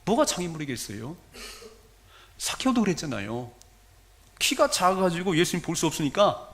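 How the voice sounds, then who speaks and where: Man, pastor, sermon, higher pitch, very animated delivery. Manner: animated, acts out scenes and quotes.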